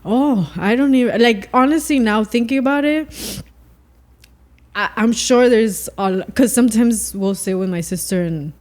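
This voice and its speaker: A woman's voice: on the high side, normal speed. Chatty young woman telling a story. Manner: rambling, full of "like" fillers and acted-out quotes. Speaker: podcast guest. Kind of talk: personal storytelling in casual chat.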